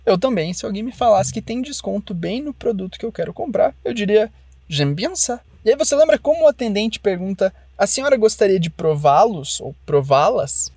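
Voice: mid-range voice, lively intonation, darkish tone, slightly rough, no room sound. Patient teacher, dry sound. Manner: slow, careful modeling of phrases for repetition. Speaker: French teacher. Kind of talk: online language lesson.

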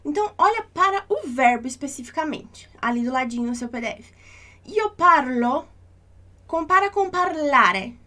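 A woman teaching an online language lesson, patiently reassuring and repeating each example slowly. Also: high-pitched, expressive, pushed and bright.

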